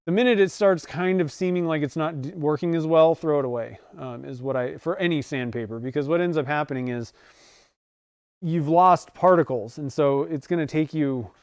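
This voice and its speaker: A man in his forties hosts a casual livestream from his home workshop, rambling along with frequent self-corrections and chuckles. His medium-pitched voice has a darkish, clear, resonant tone, captured in a dry recording with clean studio sound.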